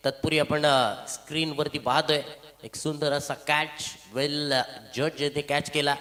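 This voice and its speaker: High-pitched male cricket commentator. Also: level tone, a little slow, pushed and bright, big-room sound. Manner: announcer-like, repeats scores and phrases, mixes in English cricket terms. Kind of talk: live local cricket match commentary.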